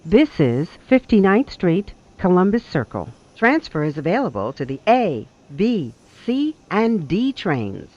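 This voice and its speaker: Train loudspeaker announcement, slow deliberate delivery, dull lo-fi sound. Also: medium pitch, sing-song. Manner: measured, evenly spaced phrasing. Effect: played over a train loudspeaker. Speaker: recorded subway announcer.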